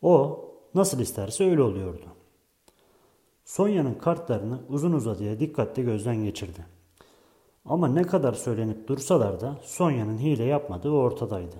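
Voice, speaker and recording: A man calmly reading a story aloud as its narrator. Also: mid-range voice, normal speed.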